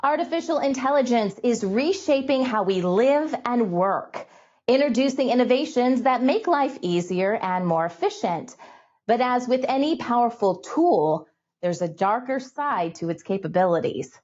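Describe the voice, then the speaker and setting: A woman narrates a news segment from a script, steady and measured. The audio has a slightly muffled, lo-fi quality. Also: a little high. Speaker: news anchor.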